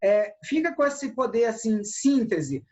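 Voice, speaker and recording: A woman's voice: a little high, animated, a little slow, a little mellow. A woman with a Brazilian Portuguese accent teaching an acting class, explaining and acting out how to deliver lines. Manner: demonstrative, acts out delivery.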